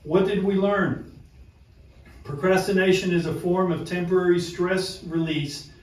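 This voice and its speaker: A man's voice: high-pitched, fairly even intonation, a little slow. A man presenting a self-help lesson to a small group, emphatic and repeating his key points. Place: room with a small live audience. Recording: echoey room from far off, faint noise.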